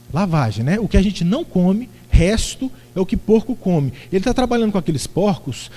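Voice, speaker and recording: Middle-aged male preacher, high voice, theatrical storyteller, long church reverb. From Brazil. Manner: lively, theatrical storytelling with acted-out voices and shouts. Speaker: pastor. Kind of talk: sermon. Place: church sanctuary.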